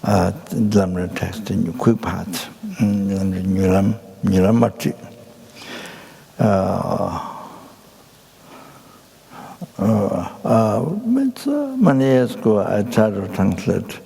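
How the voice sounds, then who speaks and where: An older man from Nepal, giving a Buddhist teaching in a halting way full of fillers and restarts. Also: lowish voice, lively intonation, vocal fry, mellow, husky. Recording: hall reverb.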